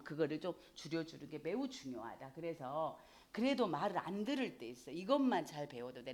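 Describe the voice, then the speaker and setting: Animated older woman lecturing parents. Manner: acts out parent and child lines with big pitch swings; brisk, chatty, drops her voice for asides.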